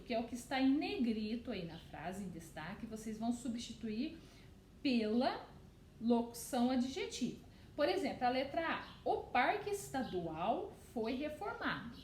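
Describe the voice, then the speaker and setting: A fairly high-voiced woman teaches young children, patient and explanatory, checking in with them as she goes. The recording sounds roomy and echoey, with a faint hiss underneath. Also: very animated, normal speed, a little mellow. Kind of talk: online class lesson.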